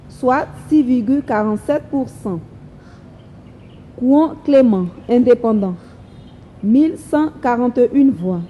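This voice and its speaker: A woman reads out official election results in a formal, deliberate way. Her voice sits fairly high yet sounds mellow and soft-edged. She takes her time, spacing out each name and number very slowly. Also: slight background noise, low-quality recording. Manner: slow, measured, reads each figure deliberately.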